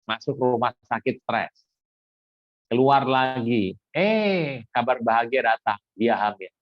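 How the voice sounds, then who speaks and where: A man's voice: medium pitch, fairly even intonation, a little slow, dry recording, lo-fi sound. A man preaching a sermon in a conversational way, often putting questions to the congregation and exclaiming. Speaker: pastor.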